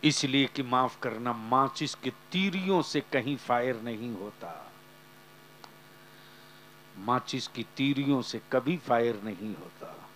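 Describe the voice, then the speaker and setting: A man preaching a sermon to a large gathering, swinging between soft passages and loud fiery shouts, and calling on the crowd to answer aloud. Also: mid-range voice, lively intonation, slow pace, a little hiss or hum. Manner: talks directly to the audience, asking them to answer aloud. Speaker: Islamic preacher.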